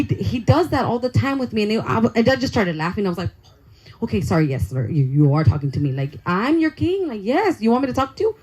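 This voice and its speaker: A young adult woman, a youth pastor, telling an excitable, chatty testimony sermon to young people and saying "like" a lot. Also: mid-range voice, husky, rough recording. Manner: excitable, chatty storytelling full of "like".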